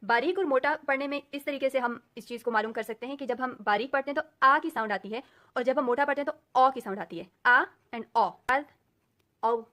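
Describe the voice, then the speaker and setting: A woman with an Urdu accent teaching a recorded lesson, speaking slowly and deliberately and repeating sounds as drills. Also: high-pitched, bright, forceful tone. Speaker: Quran recitation teacher.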